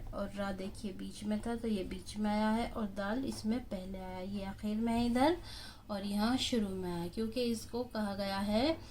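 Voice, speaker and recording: Female teacher for a kids' lesson, slow and patient, faint hiss behind. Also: mid-range voice, darkish tone. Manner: patient, spells out letters slowly. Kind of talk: children's lesson explanation.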